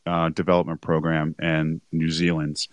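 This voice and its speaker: Deep-voiced man in casual rugby chat. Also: monotone, normal speed, no echo. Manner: rambling, self-correcting, chuckles often. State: losing his voice. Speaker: podcast co-host.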